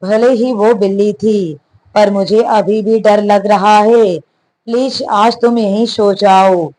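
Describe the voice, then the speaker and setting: A woman's voice: medium pitch, steady tone, takes it slowly, dark tone, lightly acted, poor audio. A woman reading the lines of a frightened, stubborn young bride who pleads innocently. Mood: scared.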